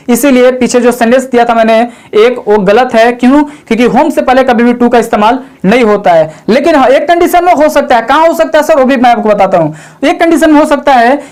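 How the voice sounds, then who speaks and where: A man giving a spoken grammar lesson, asking himself questions and answering them, repeating each point and addressing the viewer as "sir" in a chatty tone. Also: very high-pitched. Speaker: English grammar teacher.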